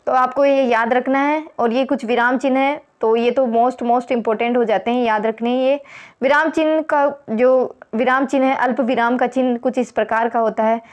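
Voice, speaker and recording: A woman's voice: fairly high pitch, steady tone. A woman teaching an exam prep lesson, explaining step by step and repeating the key points. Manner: reads examples slowly.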